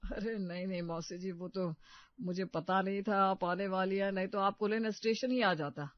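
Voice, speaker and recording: A woman's voice: medium pitch, steady tone, normal speed, dry recording, lightly acted. A woman voicing a flustered middle-aged father-in-law in a cartoon story, anxious and exasperated. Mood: nervous. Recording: dull dry recording.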